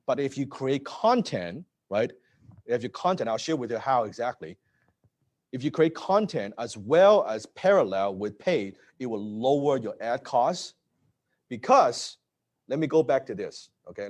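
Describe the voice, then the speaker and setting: Late-30s man presenting live, energetic, mid pitch, checks in with the audience constantly. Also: moderate pace. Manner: energetic, repeats words and asks "right?". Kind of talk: live-streamed business talk.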